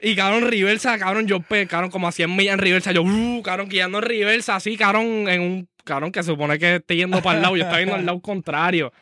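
A man's voice: sits high, steady tone, fast, hardly any pauses, bright, forceful tone. A young man with a Puerto Rican accent telling a story animatedly on a podcast, swearing constantly. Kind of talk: casual podcast chat.

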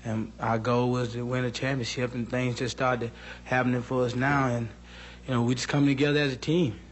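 A man's voice: mid-range voice, level tone, a little fast. A man giving a casual interview answer as a football player, with some background noise. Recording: faint hum behind the voice.

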